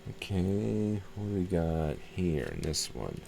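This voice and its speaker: With a low, mellow, sing-song voice and a slow pace, a hobbyist host walks through repairing a radio by hand. He sounds casual and hesitant, thinking aloud and frequently repeating himself. There's clear background noise behind him.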